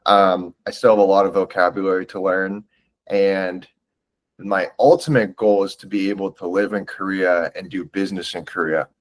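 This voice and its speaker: With a low-pitched voice that barely moves in pitch, a man in his twenties talks at normal speed. He's from the United States and appears as a podcast guest in a casual interview, earnest and reflective, his speech loose and packed with fillers.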